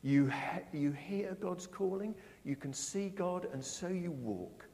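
A middle-aged man preaching a sermon, asking his congregation questions and stressing his words slowly. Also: high-pitched. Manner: lively, questioning the congregation, slow emphatic phrasing. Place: church. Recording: long church reverb.

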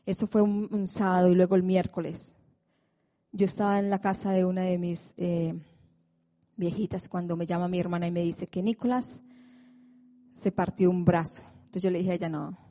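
A woman's voice: lowish voice, normal speed, long pauses. Woman in her forties telling a faith testimony. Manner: lively storytelling, acting out her own prayers. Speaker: prayer group speaker.

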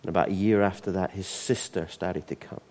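A middle-aged Scottish pastor delivers a sermon in a low, warm voice. His speech is conversational and loose, full of restarts and repeated words. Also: fairly even intonation, a little fast.

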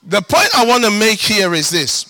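At a moderate pace, a man with a high voice and a Ghanaian accent delivers an animated sermon as a pastor. His preaching bursts into shouting at times and slips into a sing-song rhythm for emphasis.

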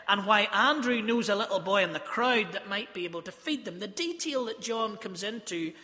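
A man preaches a sermon, earnest and emphatic, leaning into his stories. His voice sits high and bright. The church around him rings with a long echo. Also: lively intonation, moderate pace. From South Africa. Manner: earnest, storytelling, emphatic phrasing.

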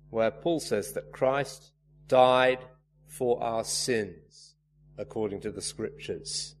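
A man preaching a sermon, earnest and emphatic, leaning hard on key words. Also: on the low side. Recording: reverberant hall, faint hum.

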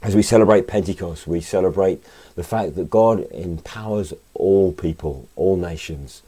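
A man with a deep voice, left croaky by a cold. He speaks as a pastor welcoming people to worship, in a soft, mellow tone. His delivery is informal and halting, with frequent little tag questions. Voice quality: croaky, slightly hoarse. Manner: hesitant and conversational, often adding tag questions. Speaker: pastor leading an online Sunday service.

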